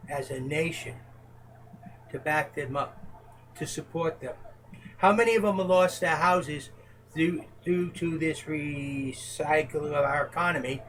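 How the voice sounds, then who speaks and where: A man's voice: on the high side, fairly bright tone, slight background noise, poor audio. A man answering interview questions as a presidential hopeful in a casual home chat, earnest and emphatic.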